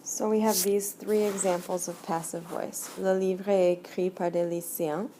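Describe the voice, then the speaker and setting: Woman teacher, low-ish voice, unhurried screencast explainer, faint background hiss. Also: flat delivery, mellow. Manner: slow, deliberate explaining while writing. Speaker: French teacher. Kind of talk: screencast grammar lesson.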